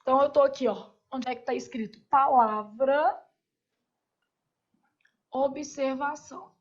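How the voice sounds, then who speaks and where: A high-pitched woman with a Brazilian Portuguese accent leads a grammar lesson. She keeps asking her students questions and answering them herself. The recording sounds a little dull and muffled. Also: fairly even intonation, a little fast. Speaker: teacher.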